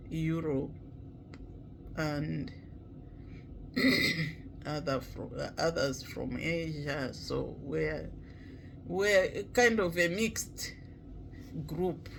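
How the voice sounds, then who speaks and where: A man from Malawi, talking slowly and reflectively in a casual vlog, with many pauses and fillers. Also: on the high side, a bit bright, slight background noise, rough recording. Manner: halting, many pauses and "you know" fillers, clears throat often. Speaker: vlogger.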